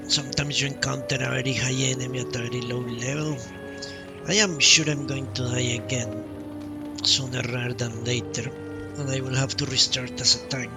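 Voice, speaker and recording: With game music playing behind him, a streamer comments casually on his own gameplay, thinking aloud somewhat hesitantly. He speaks in a medium pitch with flat delivery at normal speed.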